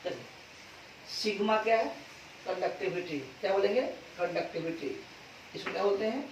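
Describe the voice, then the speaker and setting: A man teaching a physics class, repeating key terms slowly and quizzing students with call-and-response questions. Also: sits high, noisy background. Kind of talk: classroom lecture. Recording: echoey, distant, dull classroom recording.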